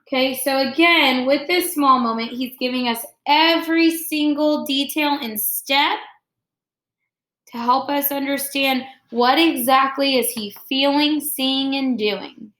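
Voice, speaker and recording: An elementary school teacher reads a story aloud to young students, explaining it step by step as a lesson. Her voice is high-pitched and a bit bright, and she keeps a measured pace.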